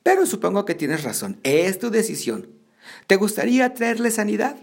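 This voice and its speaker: A man's voice: high-pitched, wildly swooping pitch, moderate pace, creaky, breathy edge, voice pushed up, exaggerated voice. A man as a wise, wry creature.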